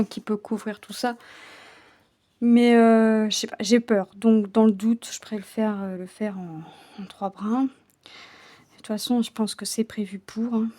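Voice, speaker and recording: A woman casually chatting while she works on her cross-stitch, often stumbling over her words and dropping into soft, whispered asides. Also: fairly high pitch.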